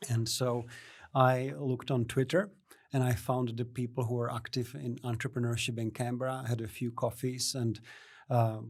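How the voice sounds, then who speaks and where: A middle-aged man from the Czech Republic, a native Czech speaker, answering interview questions in a measured way with many fillers and restarts. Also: medium pitch, flat delivery, no room sound, studio quality. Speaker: guest, innovation network CEO. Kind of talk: podcast interview.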